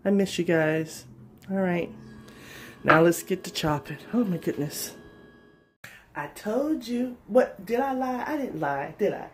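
A woman's voice: fairly low pitch, animated, measured pace, pauses often, a little hiss or hum. A middle-aged woman hosting a casual home cooking show from her kitchen, chatty and upbeat, talking straight to viewers.

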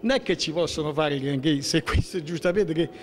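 Held up to a handheld interview mic in the hallway of a public building, a local political figure in his sixties talks impromptu in a central-southern Italian, southern Lazio accent. His voice is a little high, followed by a long reverb tail, with a little hiss or hum. With an aggrieved, emphatic manner, he keeps halting and restarting, repeating rhetorical questions.

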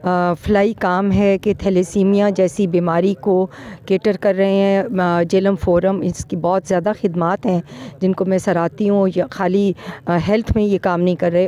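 A woman, a provincial assembly member, speaking haltingly with many pauses into a handheld mic outdoors at a cricket ground. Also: lowish voice, flat delivery, warm tone. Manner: hesitant, many pauses and fillers. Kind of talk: on-the-spot interview. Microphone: handheld reporter mic.

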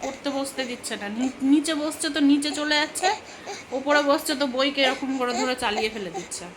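A woman's voice: high voice, normal speed. A woman in her thirties from Bengal, chatting casually and rambling in a home vlog, now and then soothing a toddler. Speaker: vlogger. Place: home room with fans running. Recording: noisy home phone recording.

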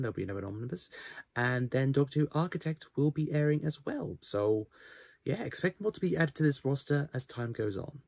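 In a small, cluttered bedroom, a man in his twenties gives a casual channel update to camera, slipping in hesitant, self-deprecating asides. His mid-range voice is creaky and a little mellow, and the recording is dry and studio quality.

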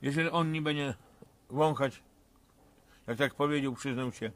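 A man's voice: mid-range voice, normal speed, a little hiss or hum. A man talking casually on camera, plaintive, rambling and emotional.

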